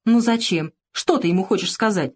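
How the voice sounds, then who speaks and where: A woman's voice: medium pitch, moderate pace, darkish tone, close to an everyday voice. A woman reading the part of a frightened young woman who sobs and pleads on the phone, in an audiobook. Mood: pleading. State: sobbing.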